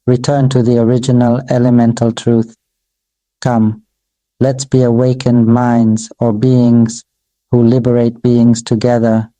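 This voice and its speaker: A Buddhist monk delivering a dharma sermon in a very dark, mellow voice that stays almost level in pitch. He speaks in slow, measured, repetitive phrases that sound like an incantation. The sound is close and dry, with no room echo. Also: completely flat delivery. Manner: addresses his own voice as "Mister Voice".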